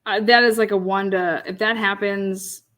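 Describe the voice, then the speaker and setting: A woman's voice: mid-range voice, steady tone, moderate pace, fairly bright tone. A woman co-hosting a casual livestream, reading viewer comments aloud, laughing often and swearing casually. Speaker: livestream co-host.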